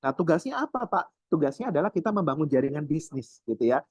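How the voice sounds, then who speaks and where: A man's voice: on the high side, sing-song, fast talker, a little mellow, no echo, dull audio. A man from Surabaya presenting a business opportunity over a video call, constantly addressing his listeners and adding filler tags. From Surabaya, Indonesia. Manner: keeps addressing the audience, many filler tags. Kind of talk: sales pitch on a video call.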